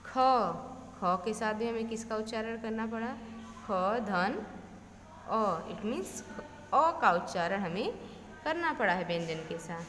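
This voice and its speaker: Lady teacher reciting letters really slow, echoey room w/ long reverb. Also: a little high, animated, fairly bright tone, slight background noise. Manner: slow, drawn-out recitation with questions and answers to herself. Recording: echoey room with faint ambience.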